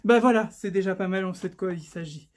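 A woman, chatting in a casual unboxing haul vlog; excitable, swearing often and stumbling over her words. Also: medium pitch, quick pace. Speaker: vlogger.

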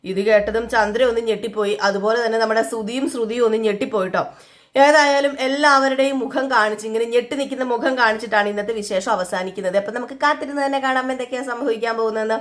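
A chatty woman vlogger retelling a TV serial episode for her viewers. She talks casually with frequent asides, in a fairly high voice. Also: fairly even intonation, fast talker.

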